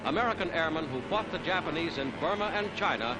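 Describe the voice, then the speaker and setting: Old newsreel narrator, man, higher voice, lively sing-song delivery, loud music under it. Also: rough recording. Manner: brisk announcer delivery.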